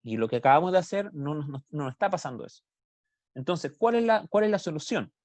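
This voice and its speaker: A man's voice: a little high, expressive, quick pace, darkish tone, no room sound. A man with a Chilean Spanish accent teaching a math class on a video call, explaining step by step and asking students questions. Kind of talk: online class lecture.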